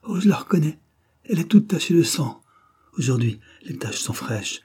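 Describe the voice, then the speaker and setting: A man's voice: a little high, big pitch swings, normal speed, a little mellow, husky, voice pushed up. A man voicing a frenzied old woman mad with terror in an audiobook reading, pleading and shrieking wildly. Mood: eerie singsong.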